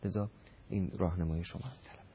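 A man hosting a talk show, reading out a viewer's letter and asking calm questions. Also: sits low, dull audio, slight background noise.

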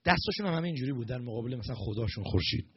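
A male preacher delivers a storytelling sermon with lively energy, voicing each character's lines as he acts out the dialogue. His pitch is medium, and the muffled recording carries crowd noise in the background.

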